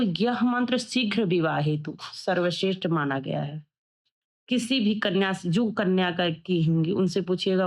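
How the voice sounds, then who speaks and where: A woman giving step-by-step devotional instructions, direct and repetitive as she explains a worship ritual. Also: on the low side. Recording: dull lo-fi sound.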